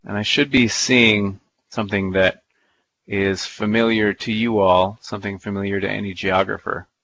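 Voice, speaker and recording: A man giving a live software demonstration in a playful, folksy way, thinking aloud as he clicks through the steps. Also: on the low side, muffled recording. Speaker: presenter. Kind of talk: live software demo talk.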